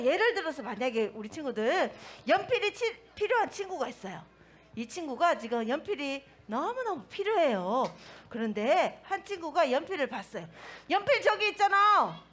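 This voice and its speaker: A woman giving a sermon to toddlers in a sing-song way, asking the children questions. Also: high voice. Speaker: children's pastor.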